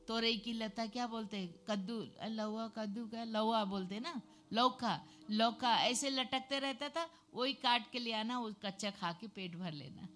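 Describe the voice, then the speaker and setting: A woman giving her personal testimony to a church congregation, telling the story in a lively way with emphatic hallelujahs. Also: mid-range voice.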